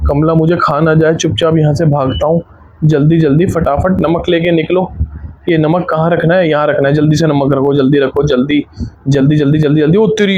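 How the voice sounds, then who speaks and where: A man's voice: on the high side, darkish tone, muffled recording. Scared young man narrating a horror game. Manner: frightened, hurried live narration of his moves. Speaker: gaming YouTuber.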